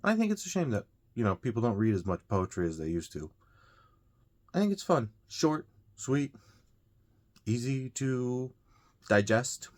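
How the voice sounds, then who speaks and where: A man's voice: mid-range voice, big pitch swings, a little slow, pauses often, darkish tone. A man casually explaining poetry terms to viewers, talking off the cuff with frequent fillers and restarts. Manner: loose and unscripted, frequent uh and you know, restarts. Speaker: host of a reading channel.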